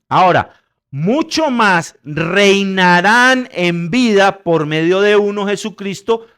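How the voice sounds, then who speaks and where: High-voiced middle-aged pastor preaching with humor. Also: male voice. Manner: jokes with the congregation, swings from loud emphatic peaks to quiet asides; asks the congregation if they follow. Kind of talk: sermon.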